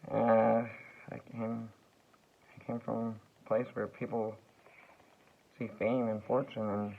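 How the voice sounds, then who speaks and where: A man drifts through a rambling vlog monologue, pausing and restarting as he goes. His voice sits low and crackles with gravel, and the sound is thin and tinny like a phone. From United States. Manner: slow, meandering, halting with fillers and restarts.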